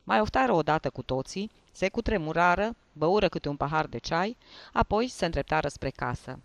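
A man reads a story aloud at a measured pace, letting his voice fall at the ends of sentences. His voice sits a little high for a man, and the recording is dry and close, with no room sound. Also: expressive, creaky, dry recording. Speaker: narrator.

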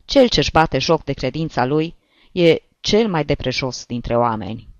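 A kindly old village priest, as a reader puts him on, scolding softly with sighs and homely turns of phrase, his voice climbing high and swooping widely. The storybook reading is close and dry, with a dull, lo-fi sound. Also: expressive, no echo. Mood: stern. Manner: gently scolding, sighing, folksy.

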